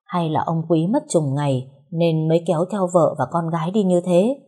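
A woman's voice: lowish voice, normal speed, mellow, slightly rough. A woman voicing gossiping village neighbor women trading curious murmurs.

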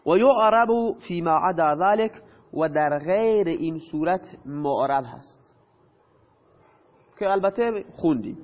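Guy with a high voice teaching grammar, asks and answers his own questions, muffled recording w long echo. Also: expressive. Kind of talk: explaining grammar to students. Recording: dull lo-fi sound with long reverb.

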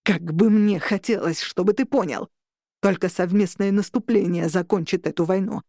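A scheming male vampire lord pushes his case hard and shouts back when crossed, as a woman reading a story voices him. The recording is dry and close. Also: medium pitch, moderate pace, no room sound, close to an everyday voice. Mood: insistent. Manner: insistent, shouting.

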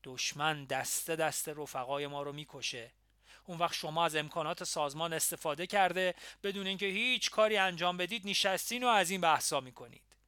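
A man's voice: fairly high pitch, clean tone, dry recording, clean studio sound. A man voicing an angry male militant comrade who mocks and scolds younger members in an audiobook. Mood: scolding. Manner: mocking, then shouting and scolding.

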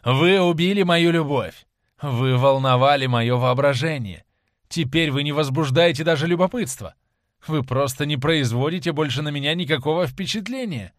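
A man's voice: on the high side, fairly quick, hardly any pauses, dry recording, natural voice. A man reading the part of a cruel young man in an audiobook, scornful and raising his voice, recorded dry. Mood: furious. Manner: scornful, raised voice.

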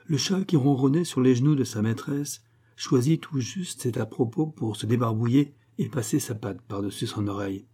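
A man narrating a comic story as an audiobook reading, in a measured storytelling manner. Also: mid-range voice, warm tone, slightly rough.

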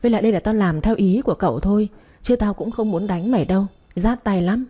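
A woman's voice: medium pitch, fast talker, warm tone, breathy edge, natural voice. A woman voicing a brash, loyal young servant girl who talks back smugly in an audio story. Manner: smug, brash.

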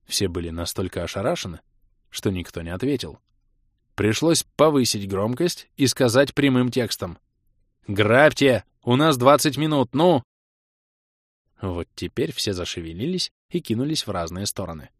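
A man's voice: on the low side, very animated, normal speed, breathy edge, no room sound. A man narrating a fantasy audiobook in a tense, dramatic manner, close to the mic. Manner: tense, dramatic, hushed in suspense.

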